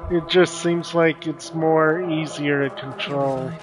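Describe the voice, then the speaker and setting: A man's voice: fairly high pitch, fairly even intonation, takes it slowly, music in the background. A man casually commenting while playing a video game, rambling and snacking as he talks. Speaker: streamer.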